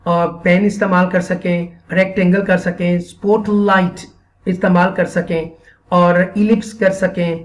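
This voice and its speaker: A man's voice: sits high, level tone. A man with a Pakistani accent giving an earnest training lecture for Quran teachers, often repeating phrases and mixing in English. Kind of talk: instructional lecture.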